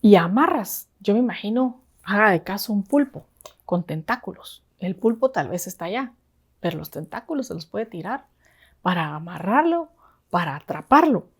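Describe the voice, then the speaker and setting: A woman's voice: medium pitch, very animated, normal speed, husky. A woman deaconess preaching a sermon to a women's service in an earnest, conversational way.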